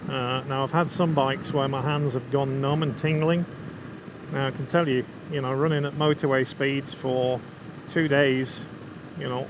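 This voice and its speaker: A man with a Lancashire accent gives casual, chatty commentary to viewers as a motorcycle vlogger, enthusiastic and riding outdoors. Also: mid-range voice. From England. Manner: chatty, enthusiastic about scenery and bike. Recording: constant road, wind and vehicle noise.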